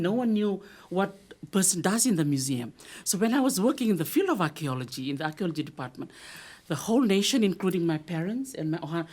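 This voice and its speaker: A woman speaks softly on a video call, with a notably low pitch for a woman. She tells her story as a panelist at an unhurried, pausing pace. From Fiji. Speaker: museum studies scholar, panelist. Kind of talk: conversational panel talk.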